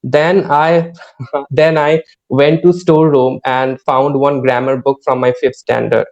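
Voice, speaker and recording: A man's voice: mid-range voice, steady tone, a little slow, darkish tone, dull audio. A man hosting a podcast over a video call, talking hesitantly with many fillers. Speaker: podcast host. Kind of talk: casual podcast conversation.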